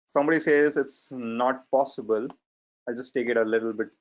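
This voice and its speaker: This man in his forties, a data science trainer with a strong Indian accent and a mid-range voice, presents a webinar lecture. His delivery is measured and hesitant with fillers, and the online audio, captured on a computer mic during a video call, sounds slightly muffled.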